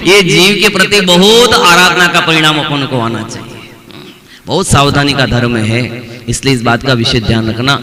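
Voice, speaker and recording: A man's voice: mid-range voice, pushed and bright. A man giving a religious discourse as a pandit, preaching in a conversational way that often repeats phrases and addresses listeners by name. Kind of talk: sermon. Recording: noisy crowd in the background.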